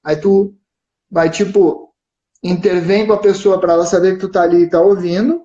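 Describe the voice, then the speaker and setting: A man's voice: sits high, fairly even intonation, normal speed, dark tone. Gaúcho man explaining in a roomy stream. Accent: southern Brazilian (gaúcho). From southern Brazil. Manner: explains patiently with frequent "né?" and "certo?" check-ins. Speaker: live-stream co-host. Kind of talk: explanatory casual chat. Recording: roomy, dull live-stream audio.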